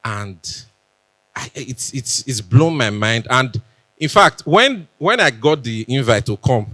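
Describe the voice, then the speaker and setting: On a conference stage, a young Benin-accented Nigerian speaker jokes his way through a conversational talk, tossing in asides in pidgin. He speaks slowly but with great animation, his mid-range voice bright and forceful.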